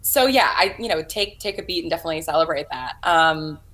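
Lowish-voiced woman chatting casually. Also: expressive, fairly quick, fairly bright tone. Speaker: guest, audio drama writer. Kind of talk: casual livestream chat.

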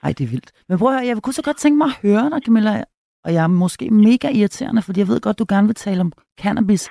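A woman's voice: mid-range voice, animated, vocal fry, warm tone, dry recording, studio quality. A woman around fifty hosting a radio interview, hesitant and restarting her questions as she asks them. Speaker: radio host.

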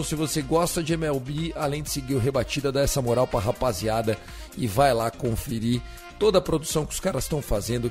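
A man's voice: mid-range voice, a little mellow. A man with a Brazilian accent hosting a sports podcast in a casual presenting style. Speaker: podcast host.

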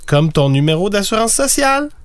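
A man's voice: high-pitched, big pitch swings, a little fast, clear, resonant tone, no room sound. A man with a Québécois French accent co-hosting a podcast, hesitant and correcting himself, laughing often. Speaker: podcast co-host. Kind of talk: playful podcast banter.

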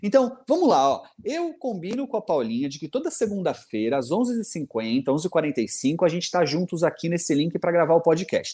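A man, co-hosting a podcast and giving parenting advice in a casual, animated way, often acting out the voices in his stories. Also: a little high, husky. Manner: animated, acts out quoted voices in anecdotes.

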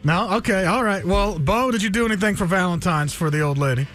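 A radio co-host with a high voice for a man, chatting with callers in a playful, teasing way. Faint music sits behind the talk. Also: quick pace, a bit bright. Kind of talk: casual radio banter.

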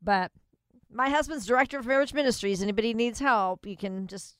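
Woman, radio co-host, upbeat chat, crisp voice, dry close sound. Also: a little high, fairly quick, dry recording. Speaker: co-host reading out topics.

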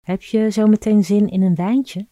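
A woman's voice: mid-range voice, normal speed, dry recording, voice pushed up, lightly acted. A woman voicing a friendly woman in a story, speaking cheerfully and easily. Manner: cheerful, relaxed. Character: friendly woman inviting an old flame over.

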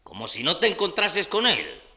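A bossy small-time crook in a Spanish comedy, with a very sharp, gravelly voice. He gives irritable, theatrical orders in a Spain accent. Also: high voice, huge pitch swings, normal speed, heavily acted. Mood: commanding. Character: bossy, exasperated small-time gang boss.

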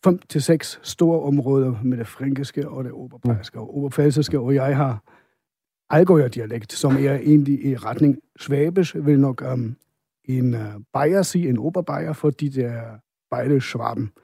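Soft-toned German man, hesitant. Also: mid-range voice, husky, no room sound, clean studio sound. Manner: hesitant, many fillers. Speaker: guest, visual artist. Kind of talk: casual interview chat.

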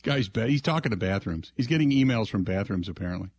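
A man's voice: on the low side, expressive, fast talker, breathy edge, dry recording. An American man hosting sports talk radio, chatting casually in a folksy, conversational way and slipping into sponsor plugs. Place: dry radio studio. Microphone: close broadcast mic.

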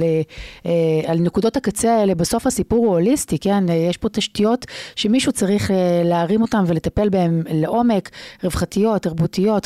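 A woman with an Israeli accent giving conversational news analysis as an investigative journalist and co-host, pausing often mid-phrase. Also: medium pitch, warm tone, dry recording, clean studio sound.

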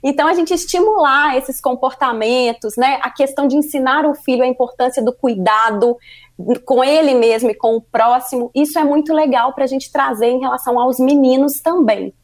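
A Brazilian Portuguese woman speaks as an interview guest. Her voice sits high, and she explains her points in an earnest, structured way, often adding a questioning tag. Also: moderate pace. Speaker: guest, workplace parenthood consultant. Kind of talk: interview answers.

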